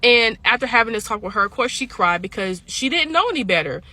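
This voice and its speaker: A woman's voice: fairly high pitch, lively intonation, quick pace, pushed and bright, no room sound. A mother telling a personal story to the camera, earnest and close to emotional as she talks. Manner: earnest and emotional, holding back tears.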